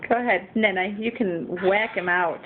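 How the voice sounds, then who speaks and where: A woman's voice: medium pitch, normal speed. A woman chatting casually in a bossy, teasing, blunt way as she eggs people on. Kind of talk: casual chat, egging on a family burping contest. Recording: tinny phone-like audio with loud background noise.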